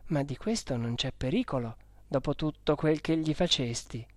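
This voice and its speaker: A reader voicing a hushed, worried mother. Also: medium pitch, expressive, normal speed, no room sound, close to an everyday voice. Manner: hushed, anxious warning tone. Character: worried mother, middle-aged woman.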